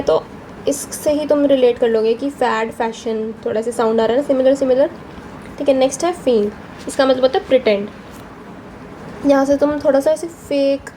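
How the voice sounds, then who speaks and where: A woman's voice: a little high, dark tone, slight background noise, poor audio. A young woman teaching exam vocabulary with mnemonic tricks, explaining patiently. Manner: explains patiently, repeats "ठीक है" between points.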